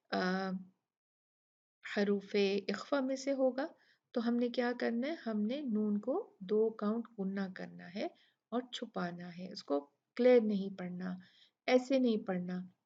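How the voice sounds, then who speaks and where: A woman's voice: medium pitch, darkish tone, lo-fi sound. A woman with a Pakistani Urdu accent teaching recitation rules, patiently repeating sounds to demonstrate them. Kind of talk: Tajweed lesson explaining rules.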